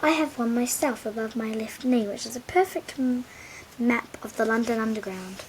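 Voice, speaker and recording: A woman reading a children's storybook aloud in a gentle, unhurried way, dropping to a whisper at times. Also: on the high side, slight background noise, rough recording. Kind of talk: children's audiobook read-aloud.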